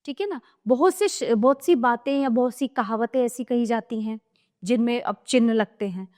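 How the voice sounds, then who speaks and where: Woman teacher, high voice, chatty explaining, long reverb. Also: normal speed, a little mellow. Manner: chatty, explains each point, asks "है ना?". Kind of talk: grammar lesson explained from a book.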